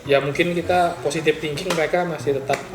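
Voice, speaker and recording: This man's voice is a little high, with fairly even intonation and a quick pace, as he hosts a podcast and eats, now and then with his mouth full. The conversation is a casual chat over food. The room echoes and music runs behind him.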